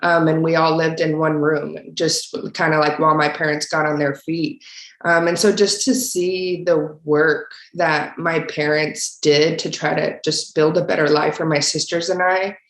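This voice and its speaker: A woman's voice: low-pitched, little pitch movement, a little slow. A young woman from Mexico, a referee answering interview questions in an earnest, casual way with frequent fillers. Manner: earnest, many fillers, speaks up on key points. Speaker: guest, basketball referee. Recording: roomy echo.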